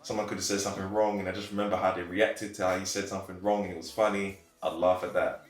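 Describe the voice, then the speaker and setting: A young man in his twenties answering interview questions casually, animated and quick to laugh. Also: low voice. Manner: animated, laughs easily, acts out quotes. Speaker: interview guest. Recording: roomy echo, faint background music.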